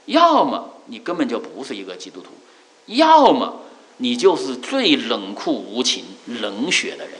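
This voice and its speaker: A man's voice: a little high, wildly swooping pitch, normal speed, low-quality recording. A male preacher voicing an angry barber who scolds a longtime customer with pressing questions. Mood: indignant.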